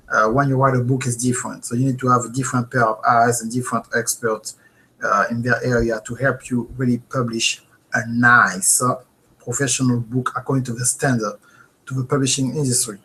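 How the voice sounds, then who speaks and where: This host is a man in his thirties with a French accent, running a live webinar from his home office and talking into a webcam. His mid-range voice is earnest and animated as he checks in with viewers, and the recording quality is low.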